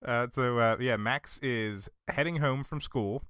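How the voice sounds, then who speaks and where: A man's voice: mid-range voice, a little slow, smooth, no echo. Podcast co-host, man, easygoing recap voice, dry close sound. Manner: relaxed, hesitant fillers, laughs. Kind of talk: casual chat, recapping a film.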